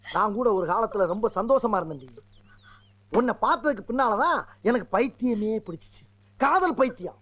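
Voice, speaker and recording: A lovesick, boastful village fellow in a film comedy, full of rambling, exclamatory talk. The voice sits very high for a man. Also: animated, a little fast, a bit bright, highs cut off. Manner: exclamatory, rambling comic banter. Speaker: comic actor in a film. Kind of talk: Tamil film comedy scene.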